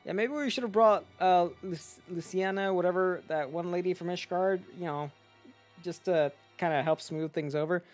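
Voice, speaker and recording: A man's voice: high-pitched, normal speed, soft background music. A man streaming a video game, chatting casually in a rambling way and swearing often.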